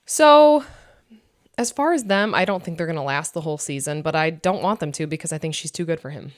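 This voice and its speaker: A woman's voice: low voice, animated, brisk. Chatty woman in her thirties. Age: 30s. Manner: chatty, lots of "like" and quoted asides. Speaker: podcast co-host. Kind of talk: casual chat.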